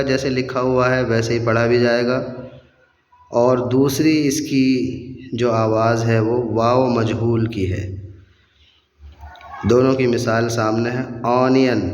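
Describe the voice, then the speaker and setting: A male teacher who explains English letter sounds in a lesson, drawing out each example word slowly. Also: medium pitch, a little mellow, a little hiss or hum. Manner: slow, stretched example words. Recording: dull, roomy audio with long reverb.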